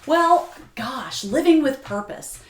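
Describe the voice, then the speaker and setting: A woman guest from Oklahoma, telling a family story and talking about her work as a grant writer in an animated, heartfelt way. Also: sits high, slow, reverberant. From Tulsa, Oklahoma. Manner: animated, heartfelt, laughs easily. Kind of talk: conversational storytelling.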